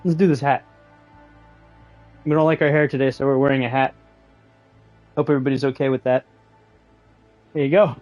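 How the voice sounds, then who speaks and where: A man's voice: medium pitch, fairly even intonation, fairly quick, long pauses, a little mellow, no echo, muffled recording, faint music behind. A man chatting casually on a live game stream, rambling and joking at his own expense. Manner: rambling, joking and self-mocking.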